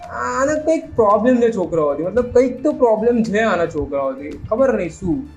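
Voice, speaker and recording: High-voiced sarcastic man ranting. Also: very animated, brisk, darkish tone, faint music behind. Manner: mixes English phrases into his talk. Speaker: meme reaction host. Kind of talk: casual reaction commentary.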